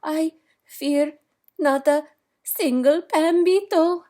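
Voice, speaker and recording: A woman's voice: high-pitched, slow, warm tone, voice pushed up. A woman reading aloud and voicing a young boastful kitten who plays a sword-fighting dog hero, in a dramatic, exclaiming storybook manner.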